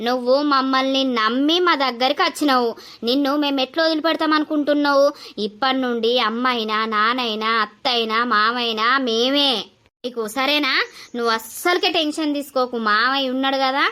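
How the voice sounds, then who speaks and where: A woman's voice: high-pitched, sharp tone. A woman voicing a soothing protective mother-in-law. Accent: Telangana Telugu. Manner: soothing, reassuring. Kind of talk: animated village drama voice acting.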